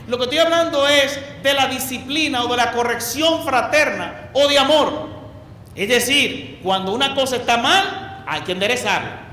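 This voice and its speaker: A man preaches to a gathered congregation with a very high, bright voice. He stresses points by repeating words and by turning questions on his listeners. His voice rings through a large, echoey hall over a faint background hum. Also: normal speed. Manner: asks the audience questions.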